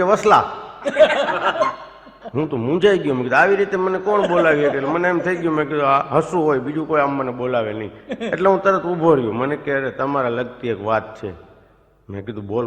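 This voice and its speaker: A man with a slightly high, fairly bright voice tells comic stories on stage, voicing his friends when he quotes them. The live set is recorded in an echoey hall with long reverb, and audience laughter can be heard.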